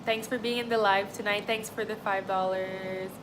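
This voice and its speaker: With noise in the background, a young Montreal livestreamer talks casually to her chat in a medium-pitched, steady voice at a moderate pace. She's chatty and rambling, often saying "like" and "honestly."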